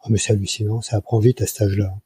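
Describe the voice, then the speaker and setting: Husky-voiced man in his sixties, dark tone. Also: fairly low pitch, very fast, no echo. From France. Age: 60s. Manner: colloquial, lively anecdotes with many fillers. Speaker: guest, microlight flight instructor. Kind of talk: casual interview storytelling.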